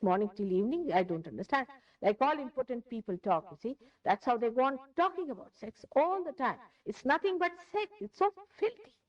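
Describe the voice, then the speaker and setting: A woman's voice: medium pitch, a little mellow. A woman with an Indian accent delivers a spiritual lecture, stressing her points by repeating them. She sounds set well back from the microphone. The old tape is muffled and lo-fi. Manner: emphatic, repeats phrases for stress. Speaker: spiritual teacher. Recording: distant, dull lo-fi 1981 lecture tape.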